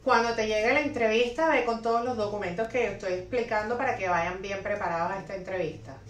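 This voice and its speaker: This young woman speaks fast in a mid-range voice, working as an immigration lawyer who takes viewer questions from her office desk. She walks through practical steps and frequently corrects herself, recorded in an echoey room with the mic a little distant.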